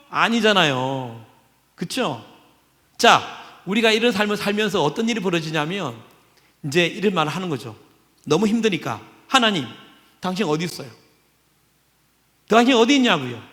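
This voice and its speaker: A man preaching a sermon to his congregation in a church, with a conversational manner and frequent tag questions to the listeners. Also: big-room sound. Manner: drops to a hushed, low voice when quoting scripture. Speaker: pastor. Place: church sanctuary.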